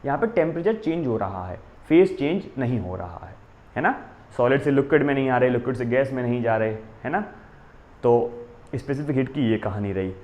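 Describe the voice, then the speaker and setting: A man's voice: medium pitch, lively intonation, highs cut off. Indian man teaching physics at a board. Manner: dictates definitions slowly word by word, checks in with "है ना?". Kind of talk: exam coaching lecture at a board.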